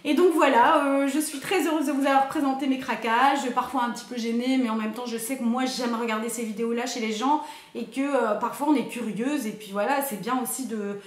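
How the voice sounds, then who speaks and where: Young woman rambling on about her haul, kinda high voice, echoey room. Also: steady tone, a little fast. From Belgium. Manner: chatty, rambling with many hesitations. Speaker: beauty youtuber. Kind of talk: casual haul vlog.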